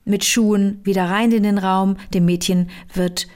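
A woman retelling a novel in casual chat, lively, with many fillers and restarts. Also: mid-range voice, measured pace.

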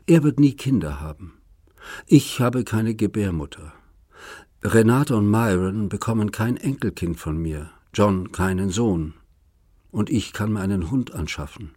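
A man's voice: lowish voice, animated, a little slow, dark tone, dry recording, clean studio sound. A man reading an audiobook, voicing a bitter young woman in a hospital bed who accuses and mocks in a biting, sarcastic way. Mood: hurt. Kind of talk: audiobook character voice.

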